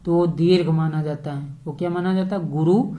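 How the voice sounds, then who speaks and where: A teacher giving a grammar lesson who slowly repeats each point, asks a question about it and answers it. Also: medium pitch, fairly even intonation, warm tone. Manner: slow, deliberate explaining.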